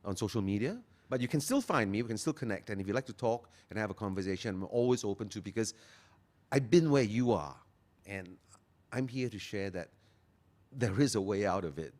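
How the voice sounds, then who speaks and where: Lively, emphatic man. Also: on the low side. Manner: earnest, emphatic, slows down to stress key phrases. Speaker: guest. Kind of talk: motivational interview talk.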